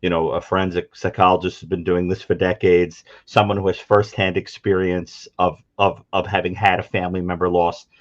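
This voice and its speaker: A man with a fairly low voice gives his opinion as a panelist. He presses his point insistently. The recording sounds a touch muffled. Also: level tone, brisk, few pauses.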